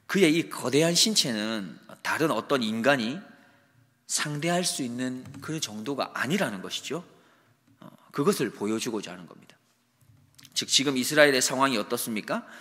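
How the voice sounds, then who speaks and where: A man who is a pastor, giving a morning devotional sermon in a steady, explanatory way and asking the listeners rhetorical questions. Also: medium pitch. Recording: long reverb of a large hall.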